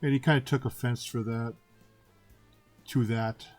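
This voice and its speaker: Animated man in his fifties telling stories. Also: medium pitch, unhurried, faint music behind. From Canada. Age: 50s. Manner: animated retelling, acting out dialogue with repeated "and I said". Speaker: artist telling personal stories. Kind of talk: casual storytelling monologue.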